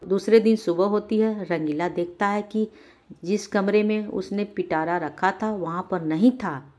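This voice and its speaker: A woman storyteller narrating a bedtime story in a calm, even manner. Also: medium pitch, a little slow.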